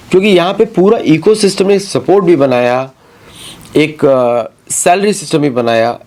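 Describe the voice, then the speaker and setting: Emphatic man with a high voice. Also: a little mellow. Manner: emphatic, mixes Hindi with English phrases. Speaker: commentator on current affairs. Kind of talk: talk-show commentary.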